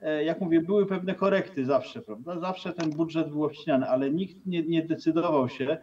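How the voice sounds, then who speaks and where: A middle-aged man gives remote TV interview commentary as a guest over a video call, sitting in a room with bookshelves. He sounds hesitant, with many fillers and restarts, in a mellow, higher-side voice at normal speed. The audio is distant and dull, with slight background noise.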